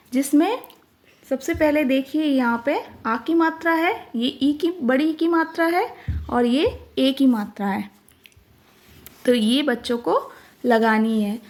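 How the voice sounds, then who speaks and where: A woman teacher slowly explaining a workbook, spelling out each word with care. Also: high-pitched.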